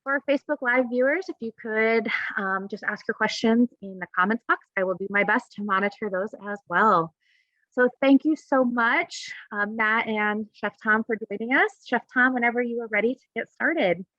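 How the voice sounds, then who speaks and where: A woman's voice: a little high, normal speed, fairly bright tone, no echo, dull audio. A woman hosting a webinar who politely reads a prepared introduction, with occasional fillers. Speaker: webinar host. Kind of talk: scripted introduction.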